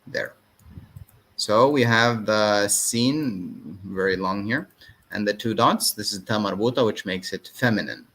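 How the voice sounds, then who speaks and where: A man's voice: fairly low pitch, unhurried, a bit bright. A man teaching an informal language lesson, explaining step by step, repeating words and checking in with short tags.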